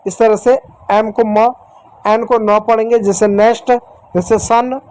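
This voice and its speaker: A man teaching young children letter sounds in a patient, repetitive way, slowly sounding out letters and speaking to the children directly and affectionately. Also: high-pitched, flat delivery, a little mellow, poor audio. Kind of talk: phonics lesson for young children.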